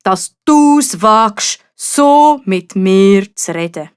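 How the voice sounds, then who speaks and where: A woman voicing a huge, gruff male dragon in a storybook, imperious and challenging, with a slow growling manner. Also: mid-range voice, expressive. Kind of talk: storybook character voice.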